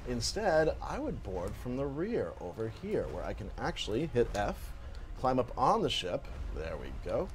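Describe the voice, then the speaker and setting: A man's voice: mid-range voice, huge pitch swings, normal speed. A man giving live stream commentary while demonstrating a game, chatty and joking as he narrates his own moves. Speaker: game demo presenter.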